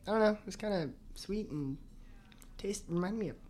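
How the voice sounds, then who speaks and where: A woman's voice: medium pitch, normal speed, warm tone. A woman co-hosting a casual podcast, dry and blunt. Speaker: podcast co-host.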